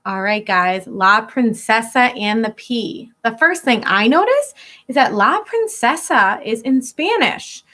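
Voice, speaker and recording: With a voice on the high side, a female schoolteacher gives children a picture-book read-aloud. She makes it instructive and expressive, drawing out important words and stopping for explanations.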